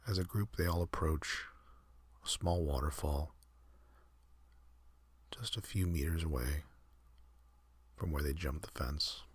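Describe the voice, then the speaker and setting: A man telling a calm ASMR sleep story, counting in a soft, half-whispered, unhurried way. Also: rumbling low, slightly rough, no room sound.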